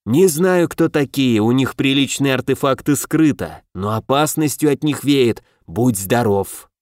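A man voicing a calm, knowing male spirit companion in an audiobook who speaks in an assured, low-key way. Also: a little slow, no echo, studio quality, natural voice.

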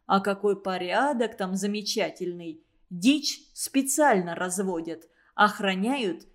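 Woman reading a story, measured and expressive. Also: mid-range voice. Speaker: narrator. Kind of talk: storybook narration.

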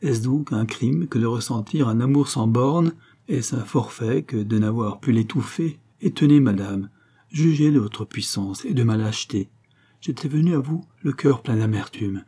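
A jealous young gentleman, torn between pleading and veiled threat, read by a man in his own voice. The voice is low-lit and husky, with an impassioned edge. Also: normal speed.

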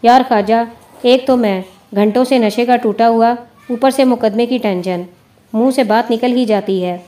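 A woman's voice: a little high, dark tone, lightly acted. A woman reading the lines of a restless, boastful male journalist who grumbles as he talks. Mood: grumbling.

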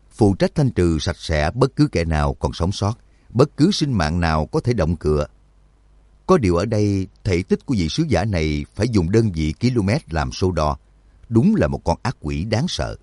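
Low, lively male audiobook narrator. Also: measured pace, dry recording. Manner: expressive, vivid storytelling.

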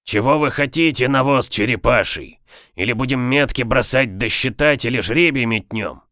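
A man voicing a gruff male pirate boatswain who growls his words coarsely and impatiently. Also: medium pitch, moderate pace, sharp tone, no room sound, studio quality, voice pushed up, close to an everyday voice. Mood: irritated.

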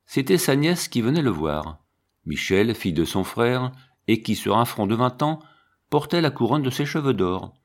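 A man reading a story aloud as an audiobook narrator, in a measured, expressive way. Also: medium pitch. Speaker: audiobook reader. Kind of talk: scripted narration.

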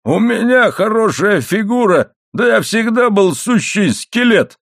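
A man voicing a touchy, childish middle-aged coal miner who complains loudly in a raised voice. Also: fairly high pitch, big pitch swings, normal speed, dry recording, clean studio sound, pitched above the performer's own voice. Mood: grumbling. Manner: loud, complaining, exclaiming in a raised voice.

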